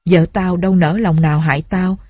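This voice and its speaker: A bitter, drunk young man rants in a low, husky, mellow voice, as a woman narrator puts him on. He sounds harsh and grief-stricken, recorded close and dry. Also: steady tone, fairly quick, no room sound. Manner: slurred drunken ranting.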